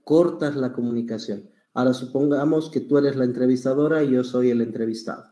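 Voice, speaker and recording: A patient man teaching public speaking, walking through each point with examples. His voice is warm and mellow, and he plays with slow stretches and louder emphasis. The sound carries a roomy echo. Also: medium pitch, fairly even intonation. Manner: patient, explains with examples, varies pace and volume deliberately. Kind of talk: online class teaching.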